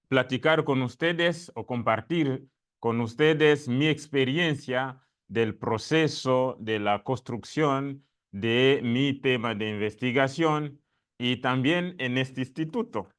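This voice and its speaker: A Congolese doctoral student on an academic panel in a university lecture room speaks halting Spanish, which isn't his first language; he spoke Italian for years before. His voice is smooth, mid-range, and fairly bright. He sounds hesitant, with many fillers and restarts.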